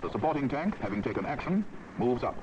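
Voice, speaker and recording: With a mid-range voice that is very animated and quick, a British-accented man delivers scripted narration for a military training film. His reading is formal, authoritative and crisply enunciated, heard over a dull, noisy old film soundtrack.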